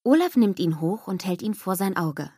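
A woman narrating a scripted children's story in a lively storybook manner. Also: mid-range voice, normal speed, breathy edge, no echo, studio quality.

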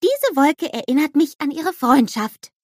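A woman voicing an eager, innocent little male snowman with a high, excited, childlike manner. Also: unhurried, dry recording, clean studio sound. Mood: proud.

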